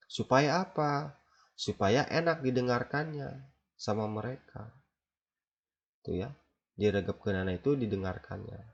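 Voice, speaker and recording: Male teacher with a Sundanese accent, gravelly, slow and halting, dull lo-fi sound. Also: on the low side. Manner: slow, halting, with many fillers, mixing two languages. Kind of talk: classroom lesson explaining phone etiquette. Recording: dull lo-fi recording.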